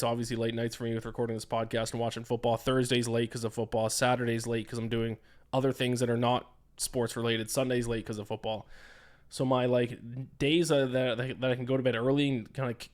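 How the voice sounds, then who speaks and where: A man's voice: mid-range voice, fairly even intonation, fairly quick. A tired young man hosting a casual solo sports betting podcast. He rambles and gets distracted, with frequent "uh" and "um" fillers. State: tired, yawning.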